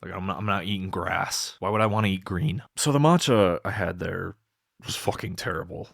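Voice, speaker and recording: A young man telling a rambling comedic story to camera, deadpan, with lots of fillers and swearing. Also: deep voice, fairly quick, vocal fry, dry recording, clean studio sound. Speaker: vlogger.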